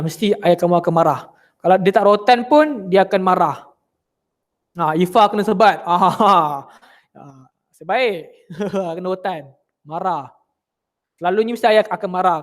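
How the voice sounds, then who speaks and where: A man with a Malaysian Malay accent and a high voice teaches children religion in an online class. He is lively and asks his pupils lots of questions.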